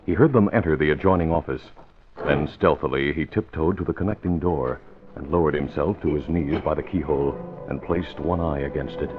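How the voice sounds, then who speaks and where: Speaking briskly in an extremely low register, a man delivers formal, dramatic narration for a 1940s radio crime serial. Dramatic music underscores the muffled sound of the old radio recording.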